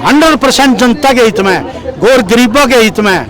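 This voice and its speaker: A man with a very high-pitched voice delivers impassioned street oratory. He is emphatic and declamatory, repeating phrases like a poet at a rally. A busy crowd and traffic surround him outdoors. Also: lively intonation, a little fast, a bit bright. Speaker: street interviewee, political supporter reciting poetic praise. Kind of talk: impassioned street political oratory with rhymed verses.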